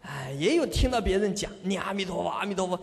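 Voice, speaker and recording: A man giving a Buddhist sermon as a monk, telling lively stories with rhetorical questions and self-confession. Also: sits high, fast, creaky. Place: monastery hall. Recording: long hall reverb.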